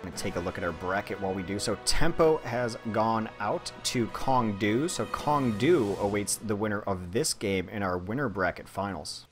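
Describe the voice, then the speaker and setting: A man's voice: fairly low pitch, normal speed, few pauses, over music. Hungry, dry-humored man casting esports. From Chicago. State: hungry and tired. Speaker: esports caster. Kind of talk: esports commentary and scheduling.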